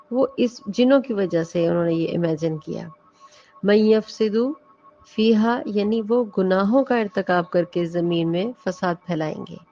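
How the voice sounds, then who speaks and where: A woman's voice: on the low side, dark tone. Woman teaching scripture in a conversational lecture. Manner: conversational, mixes in English words, recites Arabic verses. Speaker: Quran teacher. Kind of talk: religious lecture explaining scripture. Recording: dull lo-fi audio with faint music.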